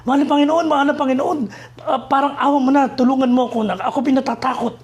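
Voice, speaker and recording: A man's voice: extremely high pitch, steady tone, fast, muffled recording. A man voicing a frightened servant who begs his master to let him flee. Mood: pleading. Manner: pleading, frightened. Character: terrified male servant begging to flee.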